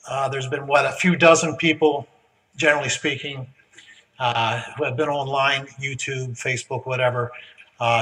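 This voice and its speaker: A man giving a relaxed, folksy conference speech, with frequent "uh" fillers. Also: medium pitch, recorded from a distance, rough recording. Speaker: guest speaker. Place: conference hall.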